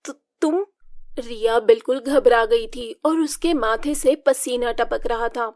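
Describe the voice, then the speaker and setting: Female storyteller, high-ish, dry studio voice, expressive reading. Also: a little slow, no room sound. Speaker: narrator voicing all women. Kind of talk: storybook narration with character voices.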